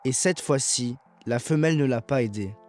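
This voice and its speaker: A man narrating a nature documentary from a script, in a measured, factual, observational manner. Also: mid-range voice, over loud music.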